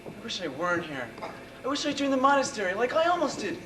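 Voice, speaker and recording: A young man playing deadpan Elliot. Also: very high-pitched, fast. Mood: befuddled. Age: young adult. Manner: deadpan, dry. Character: vague, bored ex-husband Elliot. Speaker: school stage actor. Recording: distant echoey stage audio with noise.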